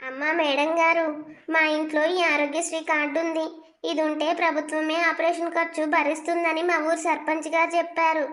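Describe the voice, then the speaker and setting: Woman doing a young village wife, very high thin voice, flat and even, imploring, cartoon drama. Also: a little fast. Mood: pleading. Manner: imploring, tearful pleading.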